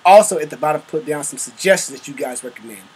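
A man's voice: on the high side, quick pace, noisy background. A man co-hosting a couples reaction video, playful and teasing, laughing easily. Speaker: co-host of a reaction channel. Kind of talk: casual chat.

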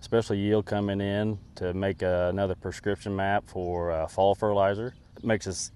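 Low-voiced matter-of-fact farmer. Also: male voice, flat delivery, a little fast, darkish tone, clean tone. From United States. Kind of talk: on-camera interview.

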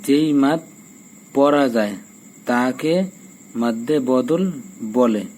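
Slow, mellow man teaching Quran reading. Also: medium pitch, a little hiss or hum, low-quality recording. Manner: spells out letters and vowel marks, then chants words slowly and drawn out. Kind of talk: Quran recitation lesson.

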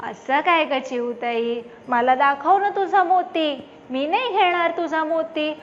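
A woman's voice: high-pitched, slow pace. A woman voicing a sly, greedy male crow in a children's story, teasing and boastful. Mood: coaxing. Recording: dull lo-fi with faint background noise.

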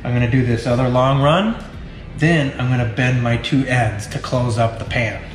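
A man in his forties with a medium-pitched voice, speaking at normal speed with slight background noise. In a large metal workshop, he gives plain, practical welding instruction, explaining each step. The workshop is echoey, with faint music playing.

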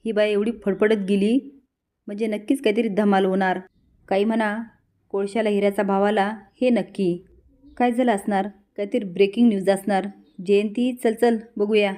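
A woman's voice: medium pitch, fairly even intonation, dark tone, lightly acted. A woman voicing a chatty, scheming young sister-in-law who teases and gossips. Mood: sly. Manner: teasing, gossipy, quick asides.

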